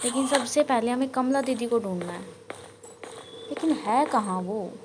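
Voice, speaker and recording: A woman's voice: on the high side, moderate pace, very noisy. A woman with an Indian accent hosting a horror game playthrough, chatting and teasing the ghost, with bits of English. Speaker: gaming video host. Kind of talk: playing a horror game on camera.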